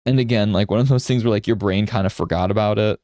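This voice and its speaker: Thirties male art instructor, casual and chatty, lowish voice, dry booth-like sound. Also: fast, darkish tone, no echo. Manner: rambling storyteller, checks in with "right?". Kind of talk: casual teaching while drawing live.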